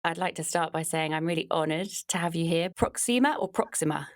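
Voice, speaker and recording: A woman hosting a podcast, reading a scripted introduction and then interviewing a guest in a measured, thoughtful way. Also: sits low, level tone, over loud music. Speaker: podcast host.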